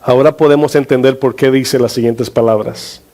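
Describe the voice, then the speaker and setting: A man's voice: medium pitch, fairly even intonation, normal speed, darkish tone. A male pastor preaching a sermon, questioning his congregation and drawing out key words for emphasis.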